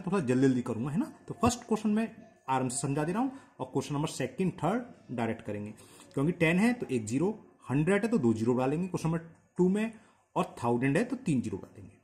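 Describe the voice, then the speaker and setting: A man teaches maths step by step, counting places aloud and checking that his students follow. His voice sits a little high and swings widely in pitch as he explains. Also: darkish tone. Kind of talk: solving textbook exercises aloud.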